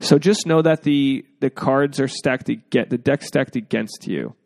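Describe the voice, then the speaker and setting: A man's voice: mid-range voice, a little slow, creaky, darkish tone. A man hosting an advice podcast in a casual, rambling way, with jokey asides. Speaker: podcast host. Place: indoors at home.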